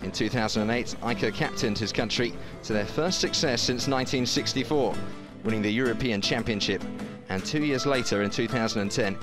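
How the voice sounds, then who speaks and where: A man narrating a scripted sports feature in a measured, informative way. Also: lowish voice. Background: guitar music.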